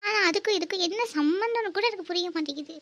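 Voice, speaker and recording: Woman doing a very high, quick cartoon girl. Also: a bit bright. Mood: insistent. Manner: emotional, pleading. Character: young woman student in love, earnest. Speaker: narrator and lead character. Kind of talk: cartoon voice acting.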